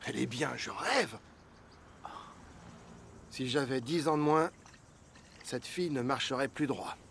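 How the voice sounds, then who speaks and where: An actor dubbing a crude, boisterous friend who teases and leers. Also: male voice, mid-range voice, unhurried, vocal fry, a bit bright, a little hiss or hum. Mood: teasing. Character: crude, leering friend of middle age. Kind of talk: film dub.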